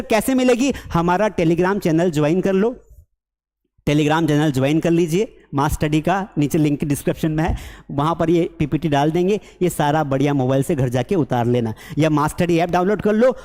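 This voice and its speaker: A man's voice: a little high, darkish tone, in a large hall. A man from India teaching a spoken English lesson, chatty, asking questions and answering them himself. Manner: chatty, asks and answers his own questions, mimics students.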